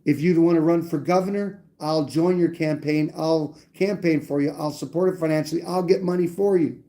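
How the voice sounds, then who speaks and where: A man's voice: fairly high pitch, fairly even intonation, normal speed, dark tone. A man hosting a live stream, talking politics in a blunt, rambling way, with some swearing. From New Hampshire. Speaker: livestream host. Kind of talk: casual political talk.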